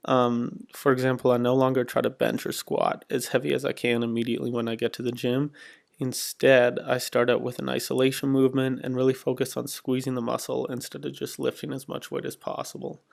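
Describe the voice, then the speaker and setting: A young man in his twenties narrates his fitness vlog in a casual, meandering way. His voice sits at an ordinary pitch but carries a heavy gravelly fry, and he fills his sentences with ums and likes. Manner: laid-back, rambling, lots of ums and likes. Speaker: fitness vlogger. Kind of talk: casual voice-over commentary.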